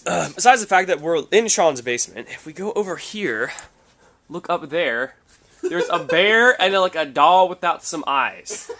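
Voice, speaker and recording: A young adult vlogger with a slightly high, expressive voice speaks at a measured pace, bright and forceful in tone. He jokes and narrates enthusiastically while filming a basement and a snowy outdoor street at night on a handheld camera at arm's length.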